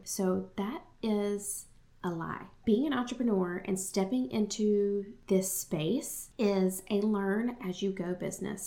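A woman's voice: medium pitch, vocal fry, darkish tone. A woman hosting a solo podcast, speaking in a direct motivational way with a nasal voice stuffed up by a cold. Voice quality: nasal, congested. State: congested from a summer cold. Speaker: podcast host. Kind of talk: solo podcast talk to listeners.

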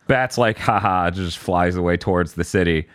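A man hosting a casual podcast, retelling an episode with lots of laughter and quick put-on voices for the characters. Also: low voice, smooth. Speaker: podcast host. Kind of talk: casual chat recapping an anime episode.

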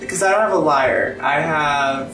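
A tabletop game player talking casually, excitable, with gasps and laughs. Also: medium pitch, moderate pace. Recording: distant, roomy, loud music behind.

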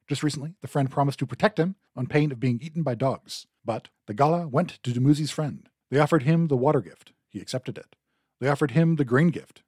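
A man's voice: mid-range voice, a little mellow, breathy edge, dry recording. A man hosting a history podcast, explaining and retelling a myth with dry humor. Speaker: podcast host.

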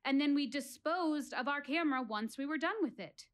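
In a one-woman show, an actress plays a wistful, reflective woman who quizzes her audience about life, confiding in them through a deliberate, expressive theatrical monologue. Her voice is high and natural.

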